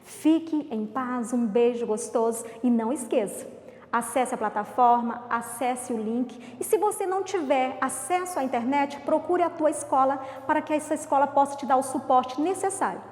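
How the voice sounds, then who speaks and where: A woman with a Brazilian accent, teaching a remote class to young children in a slow, sing-song way, stretching out syllables. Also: sits high, darkish tone. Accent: Brazilian Portuguese. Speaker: primary school teacher. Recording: echoey room with long reverb.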